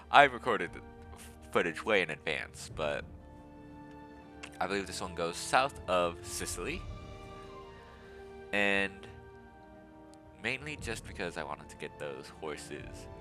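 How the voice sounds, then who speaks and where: Chatty low-voiced man with bright tone. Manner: chatty, rambling, self-aware asides. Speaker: gaming video host. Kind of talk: casual gameplay commentary.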